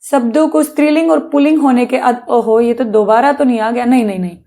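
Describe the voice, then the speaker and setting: A woman's voice: on the high side, fast talker, mellow. A woman teacher giving a patient grammar lesson to children, often asking questions and answering them herself. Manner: patient, addresses pupils as beta, asks and answers own questions.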